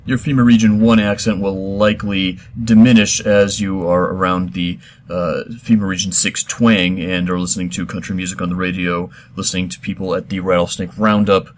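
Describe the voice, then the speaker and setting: A middle-aged man hosting a comedy show, answering listener questions in a deadpan, mock-serious, rambling way. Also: low-pitched, moderate pace, hardly any pauses. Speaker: host.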